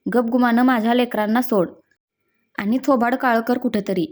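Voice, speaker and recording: A furious old grandmother scolds and threatens in a storybook tale, as a woman reader voices her. The tone is mellow and a touch high, yet sharp with threat. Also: fairly even intonation, moderate pace, natural voice. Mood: furious threatening.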